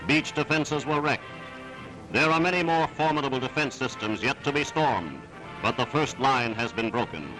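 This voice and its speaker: Man, mid-pitched, old newsreel narrator, declamatory and emphatic, under loud music. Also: animated, normal speed, poor audio. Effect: old newsreel recording.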